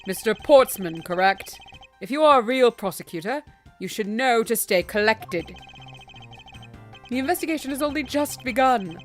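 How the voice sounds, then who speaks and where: A woman voicing a cool, formal male prosecutor in a video game, with a measured, haughty manner. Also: fairly high pitch, lively intonation, soft background music, lightly acted. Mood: stern.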